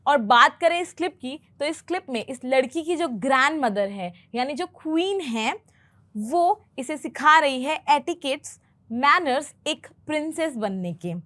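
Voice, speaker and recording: Female language teacher, high bright-pitched voice, unhurried delivery, patient and repetitive. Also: animated. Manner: patient, repeats phrases slowly for learners. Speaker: English teacher. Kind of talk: explaining film dialogue in a language lesson.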